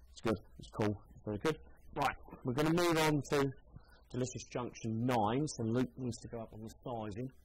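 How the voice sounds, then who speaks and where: Chatty man, low voice. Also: slight background noise, poor audio. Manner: chatty, thinking aloud while trying on shoes. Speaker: shoe seller. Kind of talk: casual product demonstration.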